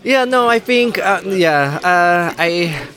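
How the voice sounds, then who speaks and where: A man's voice: sits high, expressive, slow pace, fairly bright tone. A man answering interview questions hesitantly with many fillers, a regular speaker at the conference.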